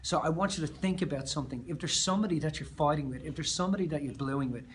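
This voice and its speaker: An Australian man speaking as a motivational speaker, telling a personal story in an earnest, emphatic way that often trails off softer. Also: a little high, racing, a little hiss or hum.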